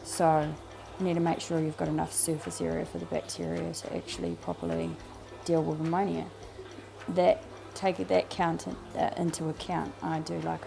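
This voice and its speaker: A woman with a low voice and vocal fry, speaking with a New Zealand accent, films her home fish room on a handheld camera. A fishkeeping vlogger, she chats casually and rambles with plenty of ums and restarts.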